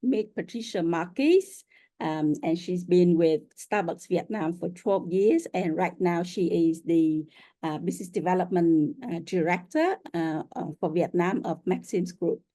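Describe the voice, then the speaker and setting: A woman's voice: on the low side, unhurried, dark tone. A woman hosting an interview show, welcoming her guest and asking questions with frequent "um"s and "uh"s. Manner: friendly, many fillers. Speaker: host.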